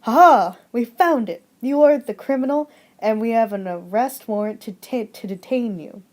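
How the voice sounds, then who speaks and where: A woman's voice: a little high, moderate pace, mellow, lightly acted. A young woman voicing a police officer, reading legal wording in a stilted, formal way.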